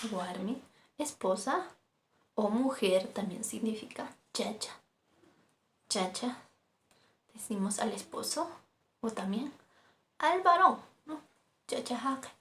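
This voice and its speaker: A woman's voice: medium pitch, lively intonation, slow, pauses often, a bit bright, slight background noise. A woman teaching a vocabulary lesson, patiently repeating each word and ending phrases with a questioning tag. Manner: patient, repeats words, adds "¿no?" tags. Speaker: Aymara language teacher.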